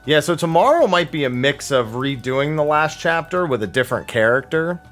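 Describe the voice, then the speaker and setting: A man's voice: on the high side, lively intonation, normal speed, fairly bright tone, soft background music. A man streaming a video game, thinking aloud about his plans, swearing freely and laughing at the game. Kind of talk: casual live game commentary.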